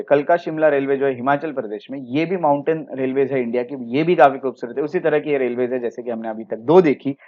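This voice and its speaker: A man's voice: mid-range voice, highs cut off. A man with an Indian accent teaching a history lecture for exam preparation, explaining step by step and mixing English words into his speech.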